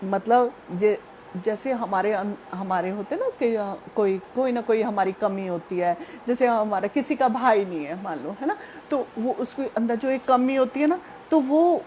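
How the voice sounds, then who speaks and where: A woman's voice: on the high side, mellow, lo-fi sound, slight background noise. A woman gives a devotional testimony, telling her story earnestly and speaking directly to her listeners. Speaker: devotee sharing a personal testimony.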